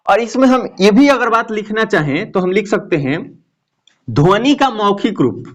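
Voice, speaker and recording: A man teaching grammar in a classroom lecture, who explains slowly, repeats key phrases and keeps asking his students questions. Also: high-pitched, animated.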